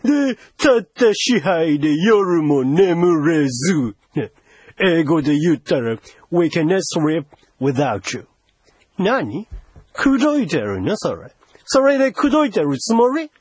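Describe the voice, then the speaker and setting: A man's voice: on the high side, very animated, slow, a little mellow, slightly rough, no room sound, heavily acted. A man playing a pushy, teasing older foreign envoy in a solo comedy sketch, wheedling in broken Japanese with English phrases.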